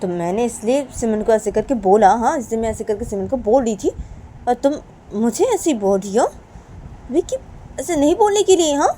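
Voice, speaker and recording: A woman voicing an angry middle-aged father who scolds with loud, repeated accusing questions. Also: on the high side, animated, normal speed, slight background noise, voice pushed up, natural voice.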